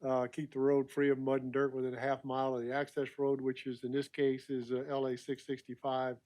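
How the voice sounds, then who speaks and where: A man presenting permit items at a public meeting, halting with many fillers and clearing his throat often. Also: medium pitch, completely flat delivery, darkish tone.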